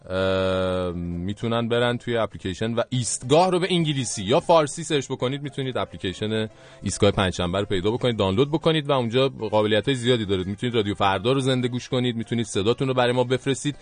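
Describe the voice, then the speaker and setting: A man hosting a radio show, chatting casually and joking with his co-host and callers. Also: lowish voice. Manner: friendly, joking, quick back-and-forth. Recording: radio studio broadcast with faint music.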